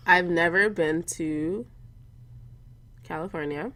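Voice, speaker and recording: A woman's voice: fairly low pitch, slow, a bit bright. A young woman co-hosting a podcast in casual chat, playful and teasing with her friends. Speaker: podcast co-host.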